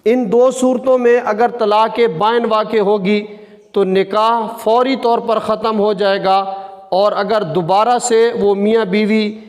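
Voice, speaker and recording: A man's voice: sits high, fairly even intonation, big-room sound. A man, a mufti, methodically explaining a religious ruling case by case. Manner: methodical, lays out numbered cases step by step.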